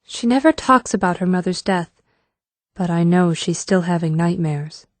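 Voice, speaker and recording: A man's voice: high-pitched, lively intonation, moderate pace, no echo, voice pushed up. A man voicing a blunt, determined young woman warrior in an audiobook, speaking earnestly and directly. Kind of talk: audiobook character voice.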